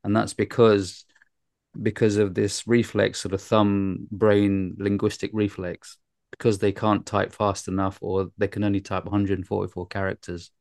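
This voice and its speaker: Deep gravelly guy doctor musing about patients, dry sound. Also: flat delivery, moderate pace, a little mellow, no room sound. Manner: musing, theorizing, wry humor. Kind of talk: casual conversational chat.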